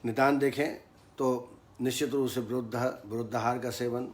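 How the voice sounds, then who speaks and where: A man teaching Ayurveda in a formal lecture, speaking in a measured tone and reciting Sanskrit verses. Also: medium pitch, fairly even intonation.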